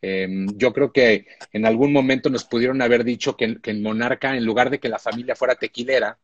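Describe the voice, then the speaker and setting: A man's voice: mid-range voice, fairly even intonation, fairly quick, highs cut off. A man, speaking as a showrunner guest in a casual live-stream interview, thoughtful and full of restarts. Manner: thoughtful, reflective, with frequent restarts. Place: indoor room at home. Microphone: phone or laptop on a video call.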